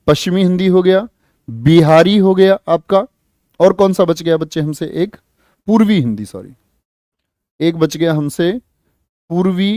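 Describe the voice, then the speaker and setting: A man's voice: high voice, warm tone, no echo, clean studio sound. A man teaching an online exam-prep class, quizzing students and reading out their answers. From India. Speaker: Hindi teacher.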